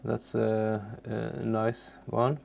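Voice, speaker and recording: A man who doesn't speak English as his first language gives an unscripted software tutorial, hesitating as he searches for words. His voice is lowish with vocal fry, and his delivery is flat.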